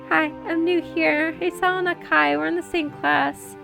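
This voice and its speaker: A woman voicing an awkward, well-meaning teenage boy in a visual novel, in her own high voice, fumbling and apologetic. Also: fairly even intonation, unhurried, creaky, a bit bright, soft background music, full character voice.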